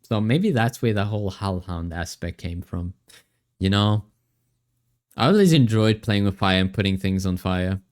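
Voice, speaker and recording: A man with a low voice livestreams from a home setup through a headset mic. At normal speed, he chats casually and thanks his viewers in an upbeat, rambling way.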